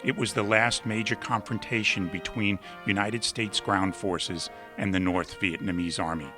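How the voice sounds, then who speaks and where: A man reading scripted documentary narration in a steady, measured way. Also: lowish voice. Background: music.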